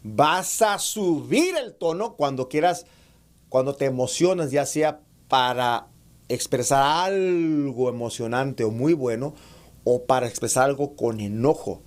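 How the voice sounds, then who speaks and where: A preaching instructor leads an online public speaking class for preachers, addressing them as brothers and reading out chat comments. At a measured pace, he demonstrates raising his voice to a shout and then lowering it.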